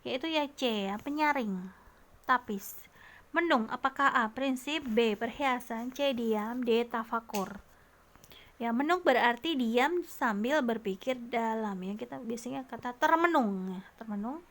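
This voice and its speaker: A woman's voice: on the high side, takes it slowly, a bit bright. A woman tutor walking patiently and methodically through vocabulary quiz answers, often adding tag questions. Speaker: test prep tutor.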